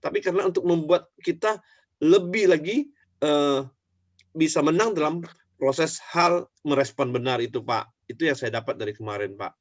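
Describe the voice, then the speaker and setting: A man's voice: on the high side, moderate pace, no echo, lo-fi sound. A man from the congregation earnestly shares what he learned with the pastor in casual talk. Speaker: congregation member sharing. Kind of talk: casual testimony.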